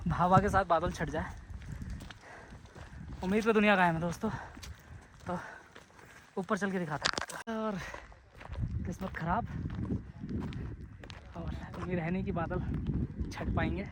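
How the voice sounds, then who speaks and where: A man with a high voice chats casually to his viewers as he treks up a foggy hill trail. He is recorded on a handheld camera mic, with clear outdoor noise behind him. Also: fairly even intonation, unhurried, long pauses. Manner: chatty, talks to viewers while trekking. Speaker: travel vlogger. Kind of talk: casual vlog narration to viewers. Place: outdoor hill trek in fog.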